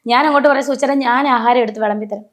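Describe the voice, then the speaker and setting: A woman's voice: on the high side, very fast. A woman in an emotional personal interview, telling stories and acting out the voices of the people in them, often stopping to correct herself. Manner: animated storytelling, acting out quoted voices; frequent restarts and self-corrections.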